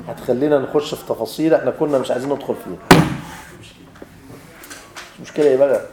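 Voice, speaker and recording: A man's voice: mid-range voice, darkish tone, a little hiss or hum. A man with an Egyptian accent teaching grammar to a class. He quizzes the students, repeats his points and makes teasing asides. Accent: Egyptian Arabic. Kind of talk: classroom lecture. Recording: echoey classroom.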